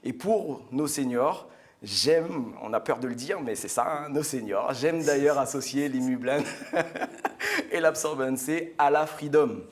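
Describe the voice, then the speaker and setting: A man's voice: medium pitch, unhurried. A man from French Guiana giving an earnest, chatty product talk on a live studio show, with frequent fillers and restarts. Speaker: guest speaker.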